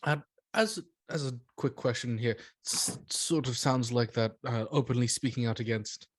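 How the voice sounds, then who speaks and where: A man playing a tabletop game, speaking politely in character with halting starts and restarts. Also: mid-range voice, no echo. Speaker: player.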